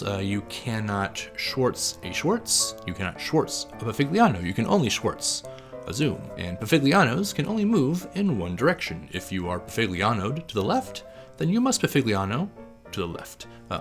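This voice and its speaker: A man's voice: mid-range voice, a bit bright. A man hosting an instructional explainer with wry, self-deprecating humour and frequent hesitant uhs. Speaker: host of a theatre tips channel. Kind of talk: instructional explainer, part scripted.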